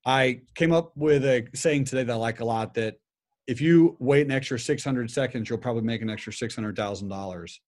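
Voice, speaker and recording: A man in casual conversation, calmly giving practical advice on trading discipline. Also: medium pitch, brisk.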